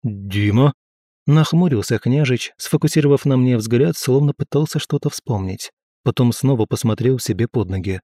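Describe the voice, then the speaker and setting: A man narrating an audiobook in the first person with a steady, measured reading. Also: mid-range voice, dry recording, studio quality.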